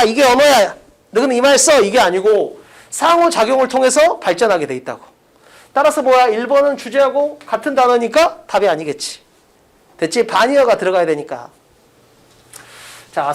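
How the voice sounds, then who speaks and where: In a classroom lesson, an English teacher whose pitch rises and falls speaks bluntly and casually. He quizzes his students, picking them out by name.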